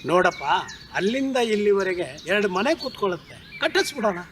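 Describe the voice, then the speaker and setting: A man's voice: high voice, animated, brisk, a bit bright, slight background noise. An actor playing a scornful village headman who mocks and scolds a poor man. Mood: plain. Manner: scolding, mocking.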